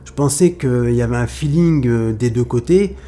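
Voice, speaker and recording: A man's voice: mid-range voice, normal speed, mellow, natural voice. A man voicing a young woman who hopes to marry, speaking in a chatty, plain-spoken way. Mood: hurt. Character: young woman, hopeful then heartbroken bride-to-be.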